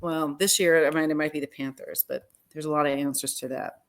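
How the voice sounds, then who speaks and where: A woman co-hosting a sports fan show, chatting casually and animatedly through rapid-fire questions, sometimes trailing off mid-thought. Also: low-pitched, steady tone.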